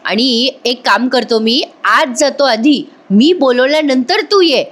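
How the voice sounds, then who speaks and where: Cheerful middle-aged family man, read by a woman narrator, easygoing, slowed dialogue. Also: sits high, expressive, a bit bright, exaggerated voice. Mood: fond. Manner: plain read-aloud dialogue, slightly slowed.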